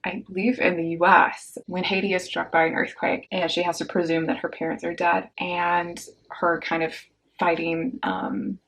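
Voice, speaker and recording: A young woman talks through her stack of new books in a relaxed, slangy way, full of quick asides. Her voice sits a bit low for a woman. It sounds like an easygoing vlog chat. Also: creaky. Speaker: book vlogger. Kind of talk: casual book haul chat.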